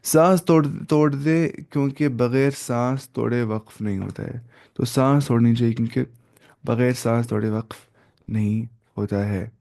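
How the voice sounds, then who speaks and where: A man's voice: medium pitch, moderate pace, creaky, a little mellow. A man teaching a recitation lesson, explaining each rule and repeating points, with a few English words mixed in.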